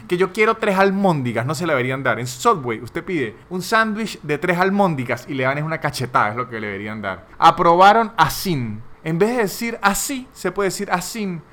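A man's voice: on the high side, very animated, fairly quick, hardly any pauses, a bit bright. A man hosting a comedic podcast monologue, ranting in a sarcastic, mocking way. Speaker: podcast host.

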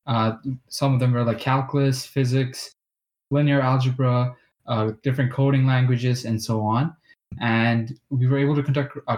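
A nineteen-year-old man co-hosts a casual student podcast. His voice sits in the middle range, and he explains at a steady clip with occasional uh fillers. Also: medium pitch. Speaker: podcast co-host.

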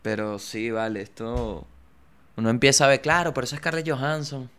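A man's voice: mid-range voice, little pitch movement, normal speed, a bit bright, clear, resonant tone, faint music behind. A young man hosting a casual podcast, talking in a playful, slangy, joking way and slipping into little bits and impressions. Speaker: podcast host. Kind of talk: casual comedic podcast chat.

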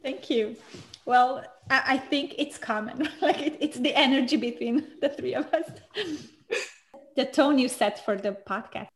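A woman in her thirties from Romania talks as a guest on a podcast, with a slightly high voice. She speaks in quick bursts, laughs often and keeps checking in with "right?". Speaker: podcast guest, marriage coach. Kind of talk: casual interview chat.

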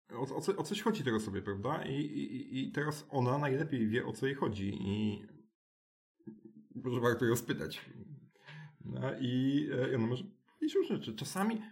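Gravelly man explaining in halting bursts. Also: a little high. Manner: halting, many restarts and tag questions. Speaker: alternative school director, guest. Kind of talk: conversational interview explanation.

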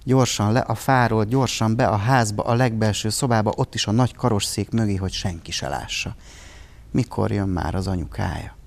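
A man reading a children's tale aloud in an expressive storybook style, giving each character a voice of its own. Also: on the low side, gravelly.

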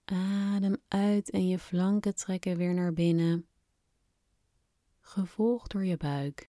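Soft, slow, soothing woman guiding breathing. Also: on the low side, steady tone, dry recording, clean studio sound. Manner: soft, soothing, unhurried instruction with long pauses. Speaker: breathing exercise guide. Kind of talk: guided relaxation exercise, scripted narration.

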